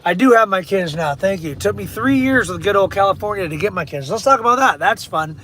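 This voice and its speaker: A man's voice: sits high, expressive, quick pace, fairly bright tone, slight background noise. A middle-aged man, a real estate agent, chatting bluntly and rambling in a casual livestream from his car while he drives and reads viewer comments aloud.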